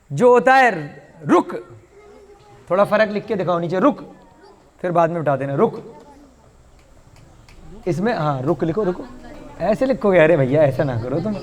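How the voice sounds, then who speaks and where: High-voiced teacher in a reverberant room. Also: male voice. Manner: patient, explains with questions and playful asides. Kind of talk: online language class.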